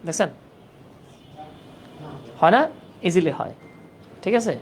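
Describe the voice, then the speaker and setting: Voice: medium pitch, lively intonation, slow pace, slight background noise. A grammar teacher giving a live online class for job exam prep, patiently repeating points and checking that students follow. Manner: patient, repetitive, keeps checking understanding.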